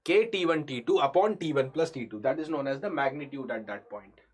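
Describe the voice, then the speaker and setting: A North Indian man lecturing engineering exam students online talks fairly quickly in a husky, medium-pitched voice. The live lesson proceeds step by step as he repeats the main phrases, asks students questions, and drops Hindi into his English.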